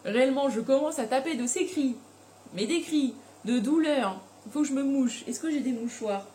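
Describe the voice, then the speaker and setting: A young woman telling a personal story in a casual, animated way, with slang and frequent laughter. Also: sits high, normal speed. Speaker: vlogger.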